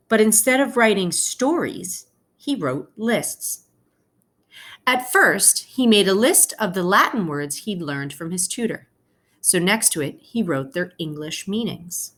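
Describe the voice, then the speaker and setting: A woman teacher with a medium-pitched, slightly bright voice reads a children's picture book to her class. She explains things in an informal way, choosing her words carefully.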